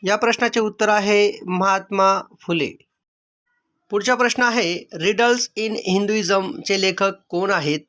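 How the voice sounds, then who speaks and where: A man with a notably high, bright, crisp-edged voice works as an exam-prep quiz teacher. He reads questions, options, and answers aloud in a measured, formulaic way.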